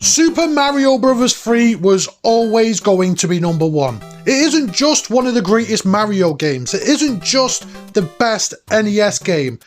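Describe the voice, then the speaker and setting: Male countdown host, around forty, fairly high voice, enthusiastic and emphatic, faint music underneath. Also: sing-song, unhurried, few pauses. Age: late 30s to early 40s. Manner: emphatic, nostalgic, informal with mild swearing. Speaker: host of a retro gaming countdown. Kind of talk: enthusiastic scripted video commentary. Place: cabin, indoors.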